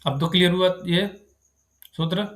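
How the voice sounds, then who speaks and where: A man's voice: high-pitched, a little slow, slight background noise. A man teaching Sanskrit grammar to a live class, who quizzes his students and keeps checking whether they have understood.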